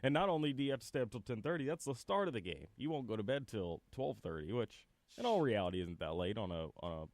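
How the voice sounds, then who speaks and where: A man's voice: mid-range voice, big pitch swings, fast, few pauses, no echo. A man with an American Midwest accent co-hosting a sports radio show. He chats easily and laughs along with his partner. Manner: laughs easily, talks in long, searching sentences. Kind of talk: casual sports talk radio banter.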